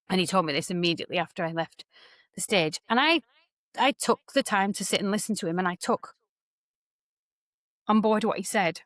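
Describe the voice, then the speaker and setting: Here a UK woman in her forties, an entertainer and talent mentor, is an interview guest with a mid-range voice. Her manner is open and animated, and she slips into lively voices when quoting others, all captured in a clean studio with no room sound.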